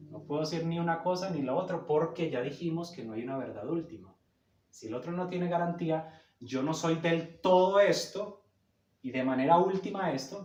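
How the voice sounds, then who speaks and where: A man's voice: a little high, darkish tone. Male lecturer, emphatic teaching tone, echoey room, sits back from the mic. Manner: didactic, emphatic, checks in with "cierto?". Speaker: psychoanalysis lecturer. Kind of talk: explanatory talk on psychoanalysis. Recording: roomy echo, a bit far from the mic.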